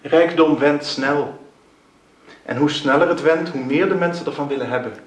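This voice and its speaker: An actor playing a sardonic, haughty rich man in an old radio drama, with mocking, deliberate phrasing. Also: a little high, roomy sound, lightly acted. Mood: wry, mocking. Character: sardonic, haughty wealthy brother with a biting wit.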